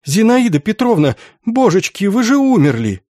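A man voicing a frightened, tearful young woman who cries out in a high, breathless voice. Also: animated, a little slow, mellow, dry recording, clean studio sound.

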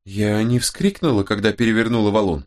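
A man voicing a tough young woman detective, speaking higher, slower and in clipped phrases. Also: a little mellow, natural voice. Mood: hushed. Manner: raised pitch, slowed, clipped.

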